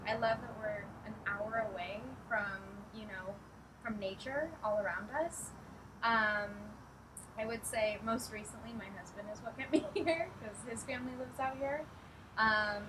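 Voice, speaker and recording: A woman from Arizona who owns a salon, answering interview questions in an upbeat, chatty way with plenty of fillers. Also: a little high. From Arizona, USA. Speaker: salon owner. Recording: distant mic with noticeable noise.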